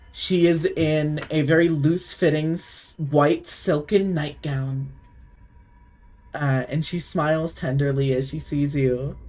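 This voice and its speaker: A woman narrating as game master of a tabletop horror game, with many hesitant pauses. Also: low voice. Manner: hesitant, lots of uh and um.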